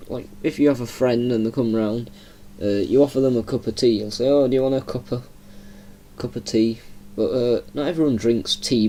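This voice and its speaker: A young man from Yorkshire with a Yorkshire accent, giving casual, rambling commentary while playing a game and laughing softly now and then. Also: mid-range voice. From Yorkshire, England. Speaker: gaming channel host.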